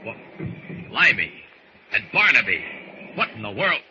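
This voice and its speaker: In a noisy, dull old recording styled like a 1940s radio serial, a man voices a confident, decisive superhero who narrates his own actions aloud. His fully committed character voice sits on the low side, sing-song and a little slow with a sharp tone, and the mood is brisk yet musing.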